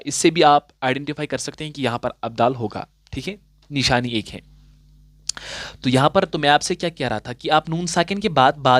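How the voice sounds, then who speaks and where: A male Quran recitation teacher with an Urdu-tinged Hindustani delivery, speaking at an ordinary middle pitch. He walks through the rules patiently, asking and answering his own questions and drawing out the example verses. The recording is dry and close, with no room echo. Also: fairly bright tone. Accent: Urdu-inflected Hindustani. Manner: patient, asks questions and answers them himself. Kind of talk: classroom-style tajweed lesson.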